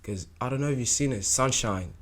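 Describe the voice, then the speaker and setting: A young man from South Sudan with an Australian accent, talking about his acting as a guest in a casual interview, relaxed and hesitant, with many fillers. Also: medium pitch, brisk, a crowd in the background. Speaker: guest actor.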